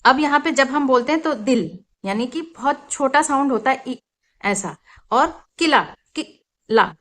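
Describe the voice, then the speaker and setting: A woman with a fairly high voice teaches a lesson for young children. She explains with patience and stretches out each example word so it can be heard clearly. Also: a bit bright.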